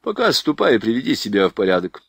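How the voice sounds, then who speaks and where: A man's voice: fairly low pitch, big pitch swings, fast, breathy edge, no echo, studio quality, exaggerated voice. A man voicing a composed army captain giving orders in an audiobook. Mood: commanding.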